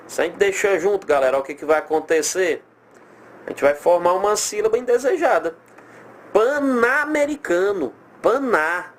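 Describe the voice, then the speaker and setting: A man with a Brazilian accent teaches a recorded grammar lesson, animated as he slowly draws out example words and poses rhetorical questions to himself. His pitch is fairly high, with slight background noise.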